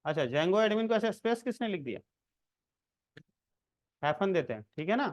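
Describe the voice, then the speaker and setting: A man's voice: sits high, big pitch swings, normal speed. A man giving a casual screen-recorded coding lesson, talking the viewer through each step and checking in often. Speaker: programming tutor.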